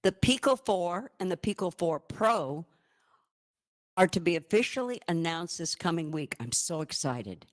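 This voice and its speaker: A woman co-hosting a live-stream news show, reading items in a cheerful, measured way. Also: fairly low pitch, expressive, no room sound, studio quality. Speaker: co-host.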